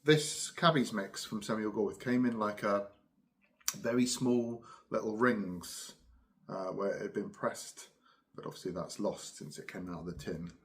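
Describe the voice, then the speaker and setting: A middle-aged man with a southern English accent speaks in a fairly low voice. He rambles casually on his own, musing without hurry and leaving pauses as he puffs on a pipe. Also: a bit bright. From Cambridge, England. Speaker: pipe-smoking video host. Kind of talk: casual rambling solo chat.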